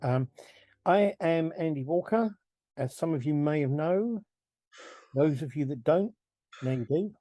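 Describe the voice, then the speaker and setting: Middle-aged man, podcast host, casual film chat, rambling, mellow tone, slightly high voice. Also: expressive, measured pace, pauses often, no echo. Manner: rambling, chuckling, self-correcting.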